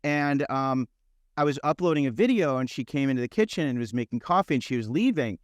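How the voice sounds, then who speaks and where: A middle-aged man hosting a podcast, telling a personal story in a rambling, animated way with many restarts. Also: mid-range voice, a little fast, dry recording, studio quality. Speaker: podcast host. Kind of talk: casual conversation.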